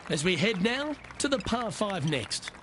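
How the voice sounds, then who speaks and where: Higher-voiced male golf commentator, crowd behind. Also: sing-song, unhurried. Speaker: lead golf play-by-play commentator. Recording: crowd and outdoor noise behind.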